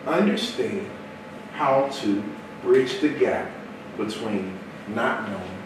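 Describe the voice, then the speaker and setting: Slow and lowish in voice, a seminar speaker delivers an energetic sales pep talk full of repetition and a preacher-like cadence. The mic sits far from him in an echoing event hall crowded with a noisy live audience.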